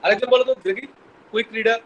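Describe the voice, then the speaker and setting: A man's voice: extremely high pitch, fairly even intonation, fast talker, dull audio, a little hiss or hum. A man teaching a biology class, quizzing students and mixing English terms into his explanations. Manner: quizzing, mixes English terms, stumbles over words. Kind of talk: classroom lecture with questions to students.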